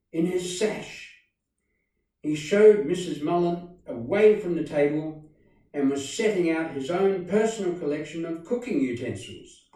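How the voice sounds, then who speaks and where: A man reading a children's story aloud in a slow, measured way. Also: high-pitched, mellow. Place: studio. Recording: very echoey room, distant mic.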